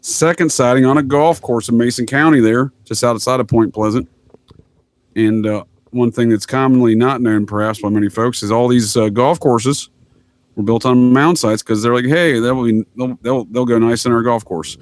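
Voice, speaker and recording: As a podcast guest, this man tells casual, conversational stories in a rambling, mock-formal manner, calling the listener "sir." His mid-range voice has fairly even intonation at normal speed, and the recording has no echo.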